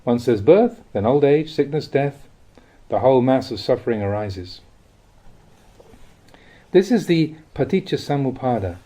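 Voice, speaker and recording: Buddhist teachings are read aloud as an audiobook recording of a spiritual talk. The male narrator explains things at a measured pace, with a mellow, faintly husky voice at mid pitch and a lively intonation.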